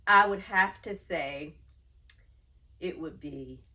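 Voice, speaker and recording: Slow, low-voiced nasal woman vlogger. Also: bright, forceful tone. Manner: chatty, drawn-out emphasis, affectionate. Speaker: handbag collection vlogger. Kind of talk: casual chat to camera.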